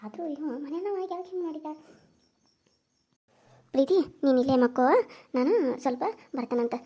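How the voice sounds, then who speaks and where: A woman voicing a worried, regretful middle-aged aunt in a cartoon serial, grumbling low. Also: fairly quick, dark tone, natural voice. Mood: fretful.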